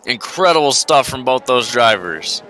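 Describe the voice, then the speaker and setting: A man's voice: medium pitch, animated, normal speed, music in the background, poor audio. A man giving live sim-racing commentary as a motorsport commentator, repeating words for emphasis.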